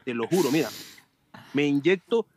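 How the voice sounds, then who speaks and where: A man chatting as a podcast guest, telling animated stories, joking and swearing freely over a remote call. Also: on the high side, moderate pace, noisy background. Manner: animated storyteller, swears, jokes. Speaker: podcast guest, amateur cyclist. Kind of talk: casual chat.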